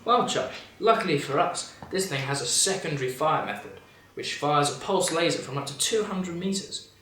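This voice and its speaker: A man's voice: a little high, animated, moderate pace, fairly bright tone. A man playing a confident professor giving an emphatic, matter-of-fact infomercial sales demonstration. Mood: eager selling. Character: confident male professor pitching absurd home weapons. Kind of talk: parody infomercial sales pitch. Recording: echoey room, distant mic, faint noise.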